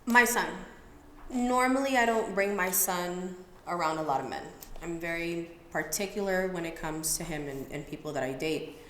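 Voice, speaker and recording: A woman's voice: lowish voice, moderate pace, fairly bright tone. A woman boxing coach, a guest on a podcast, talking candidly and easily about her own past in a casual interview. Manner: candid, talks openly and easily about hard personal history. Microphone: sits at a table mic in a podcast studio. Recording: very echoey room, faint background hiss.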